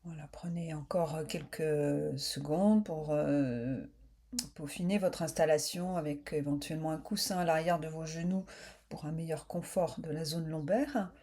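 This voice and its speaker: In a deep voice, a woman yoga nidra teacher guides a relaxation calmly and soothingly, giving slow, unhurried spoken instructions.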